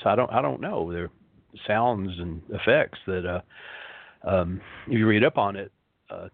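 A man with a resonant, relaxing voice, hosting a rambling talk show in a slow, soothing hypnotist manner. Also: fairly low pitch. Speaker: show host. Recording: phone-like internet radio line, roomy echo.

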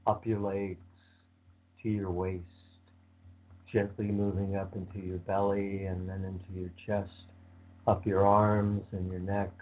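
A man leading a guided visualization meditation with slow, calm, soothing instructions. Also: lowish voice. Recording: tinny phone-like sound.

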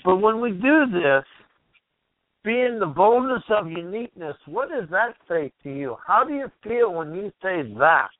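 A man's voice: high-pitched, lively intonation, unhurried, no room sound. A man hosting a motivational call-in radio show, rambling and asking the listener questions while losing his voice. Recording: tinny phone-like radio line.

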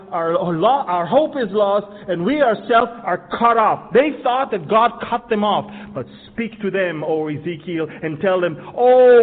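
High-voiced Israeli-born man preaching in a hall. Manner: building from quiet to loud, emphatic preaching. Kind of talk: sermon on Bible prophecy. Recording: tinny phone-like sound with long hall reverb.

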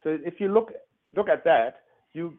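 Over phone-like, narrow audio, a man in his sixties with a German accent answers interview questions as a relationship expert. He speaks earnestly at normal speed in a fairly high, animated voice, often restarting his words.

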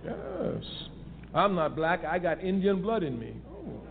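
This caller to a radio show has a high-pitched, gravelly voice with huge pitch swings, speaking at a measured pace. He gives a passionate political address, repeating key phrases emphatically for force. His phone line is tinny, with faint hiss.

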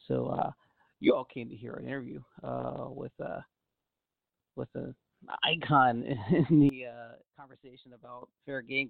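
A man's voice: medium pitch, creaky, dry recording. A man hosting a podcast, talking in a casual, rambling way. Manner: rambling, full of uh fillers and restarts. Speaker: podcast host. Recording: narrow phone-like sound, dry.

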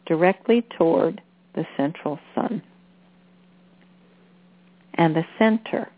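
A woman delivering a channeled spiritual message in a deliberate, soothing manner with halting phrases. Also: deep voice, no room sound. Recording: phone-like narrow-band sound.

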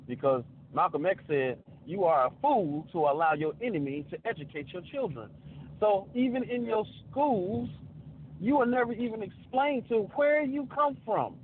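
A man's voice: a little high, husky. A man speaking in an impassioned, preacher-like way, building up emphatic statements. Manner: emphatic, rising, preacher-like delivery. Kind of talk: impassioned preaching-style talk. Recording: tinny phone-line sound.

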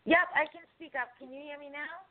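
A woman caller on a muffled, distant phone line, talking quietly and hesitantly. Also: high voice, fairly even intonation, fairly quick. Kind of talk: call-in chat.

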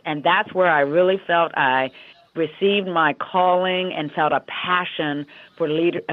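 A woman's voice: fairly low pitch, no room sound. An American woman with a slightly froggy voice, talking conversationally as an interview guest. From Western Pennsylvania, United States. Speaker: interview guest, leadership consultant and coach. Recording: dry, tinny phone line.

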